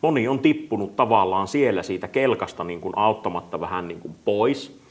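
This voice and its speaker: A man hosting a casual talk, agreeing often and filling his speech with hesitant fillers. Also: fairly low pitch. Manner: agreeable, fills speech with "niin kuin". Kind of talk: casual podcast chat.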